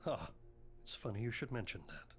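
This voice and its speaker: A man playing a morbid, pompous, bookish headmaster of an occult academy in a video game cutscene, speaking in ornate, deadpan phrases. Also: medium pitch, brisk, faint music behind, natural voice. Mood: dry, macabre.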